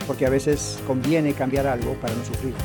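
A man's voice: mid-range voice, steady tone, brisk, over loud music. A man preaching a sermon as pastor, emphatic, often stopping to ask the congregation questions.

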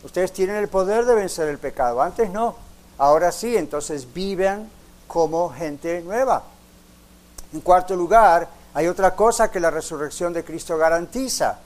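A man's voice: high-pitched, a little slow, a little mellow. A man preaching a radio sermon, emphatic, with rhetorical questions and mimicked voices of doubters.

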